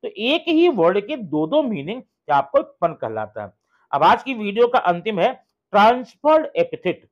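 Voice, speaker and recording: A teacher talks through a grammar lesson at an unhurried pace. The voice is lively in pitch and keeps repeating each example before asking and answering its own questions. The recording sounds dull and lo-fi. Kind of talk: explanatory video lesson.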